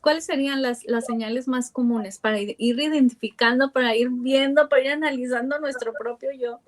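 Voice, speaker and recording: A woman's voice: sits high, steady tone, fairly quick. A woman hosting a podcast interview, asking long reflective questions with frequent fillers. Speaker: podcast host. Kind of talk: conversational interview.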